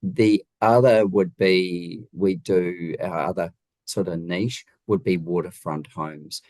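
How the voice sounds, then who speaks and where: Speaking slowly in a deep, steady, slightly mellow voice, a home designer from the Wellington region of New Zealand gives conversational interview answers as a guest. He's an emphatic talker who illustrates his points with rhetorical questions, and the audio has no echo.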